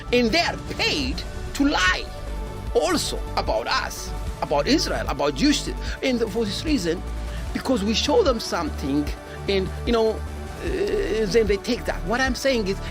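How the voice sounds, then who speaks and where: A man from Ethiopia, a guest on an interview podcast, who answers in halting bursts and reaches for words through many fillers. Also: very high-pitched. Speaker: guest, community educator.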